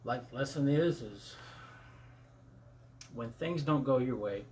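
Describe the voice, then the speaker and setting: A man's voice: slow, a little mellow, slight background noise. A man briefly chiming in to agree during a casual chat. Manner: brief, low-key agreeing remarks. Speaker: storyteller's fiancé chiming in.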